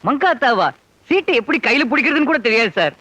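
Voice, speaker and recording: Frantic henpecked clerk: bright, rapid-fire, whiny. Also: male voice, very high voice, sing-song, no room sound, full character voice. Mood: protesting. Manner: whiny, panicky wailing. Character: henpecked, flustered male office clerk. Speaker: office clerk. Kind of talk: film comedy acting.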